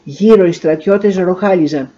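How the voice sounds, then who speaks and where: Woman narrator, storybook reading, measured and expressive; warm, mellow timbre, slightly dull recording. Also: lowish voice.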